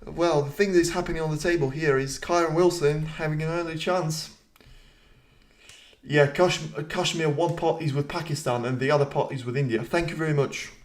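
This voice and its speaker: A live-streaming man with a slightly high voice talks at normal speed with fairly even intonation. Between casual commentary, he reads viewers' comments aloud and answers them, slipping in meandering, self-deprecating tangents.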